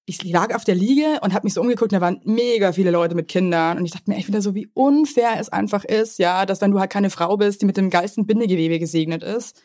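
A woman's voice: mid-range voice, fast, darkish tone. Blunt, slangy woman podcast host. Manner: candid, blunt and jokey, heavy with slang. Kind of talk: casual chat.

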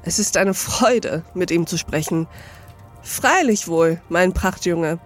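A woman voicing a gleefully reformed elderly male miser with an excited, chuckling delivery in an audiobook reading. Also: on the low side, slow pace, soft background music, pitched below the performer's own voice.

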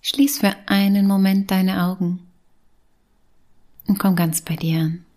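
Very slow, soft whispering woman meditation guide. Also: medium pitch, flat delivery. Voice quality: soft, breathy, partly whispered. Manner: soft spa-like whisper, soothing, gentle.

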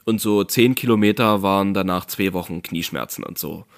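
A man's voice: low voice, normal speed. A man telling a story in casual chat, acting out phone calls with raised voices.

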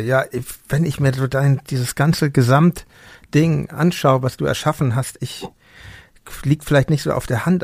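Gravelly-voiced male podcast host, dry sound. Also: medium pitch, no echo. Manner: thoughtful, searching questions with restarts. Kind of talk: conversational interview.

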